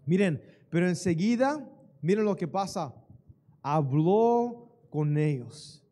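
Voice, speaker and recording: A man preaches a church sermon in a high, bright voice. He takes his time, throwing questions to the congregation and waiting for them to respond. The delivery is that of a pastor at the pulpit. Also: expressive, slow. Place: church sanctuary.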